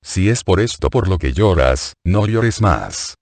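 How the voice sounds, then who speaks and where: A calm male teacher consoles someone in soft, measured words, as a narrator voices him. His voice is very low and even. The recording is dry and close. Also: no room sound, full character voice. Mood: consoling.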